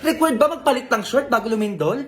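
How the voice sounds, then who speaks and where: A woman's voice: on the high side, lively intonation, fast talker, reverberant. A woman in a comedy skit, pleading with a playful, wheedling tone. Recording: background music.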